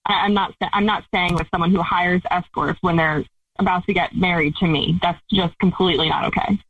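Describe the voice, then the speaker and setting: A woman's voice: on the low side, fairly even intonation, fairly quick, breathy edge, dry recording. Blunt woman on a tinny phone line. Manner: blunt, accusing. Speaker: caller confronting her fiance. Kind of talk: phone call on a radio show.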